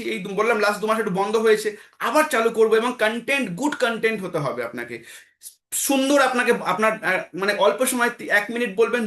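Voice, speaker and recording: A man's voice: high voice, a bit bright, echoey room. A man leading an online team meeting as a trainer, exhorting his listeners, repeating phrases and answering his own questions. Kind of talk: motivational training talk.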